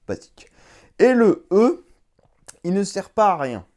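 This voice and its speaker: A young man in a casual product demo, chatting as he works the gadget and swearing now and then. His pitch swings widely from line to line. His English voice commands come out slow and careful. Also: very animated, darkish tone. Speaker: YouTuber reviewing a collectible.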